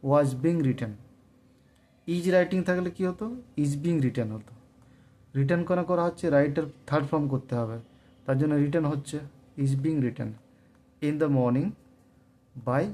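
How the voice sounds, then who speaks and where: A man with a Bengali accent teaching English grammar, asking and answering his own questions and slowly dictating example sentences. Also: on the high side, darkish tone. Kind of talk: grammar lesson explaining answers.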